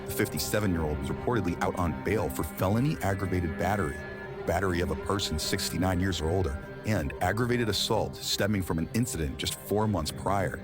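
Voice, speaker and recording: A man's voice: low-pitched, fairly quick, over music. A man delivering scripted true-crime narration as a studio voice-over.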